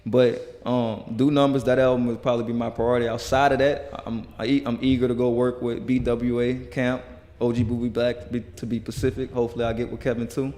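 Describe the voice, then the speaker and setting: Male guest, earnest and rambling, flat voice, reverberant hall. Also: mid-range voice, fairly quick. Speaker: guest musician. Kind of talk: casual interview talk.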